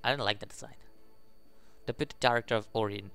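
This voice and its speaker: This gaming channel host talks fast in a lowish, gravelly voice that sounds sharp yet clean. He stumbles through story text as he reads it out and reacts along the way, with faint game music in the background.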